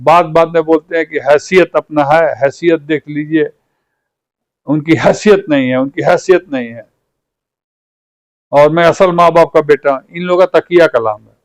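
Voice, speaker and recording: A man's voice: a little high, normal speed, no echo, poor audio. Fiery man with a Bhojpuri accent. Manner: fiery and rhetorical, repeating phrases for emphasis. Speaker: party leader. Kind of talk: combative political interview.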